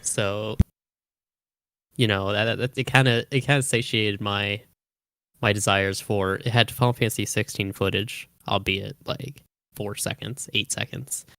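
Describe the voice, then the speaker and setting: A man as a podcast guest, deadpan and halting, with many fillers. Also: on the low side, gravelly, no echo. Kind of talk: casual podcast chat.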